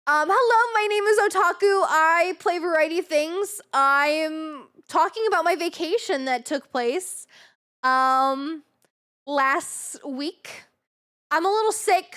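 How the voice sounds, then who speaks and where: A woman's voice: high-pitched, a bit bright. A woman chatting casually on a livestream as a variety game streamer, with a bubbly, cute anime-streamer delivery.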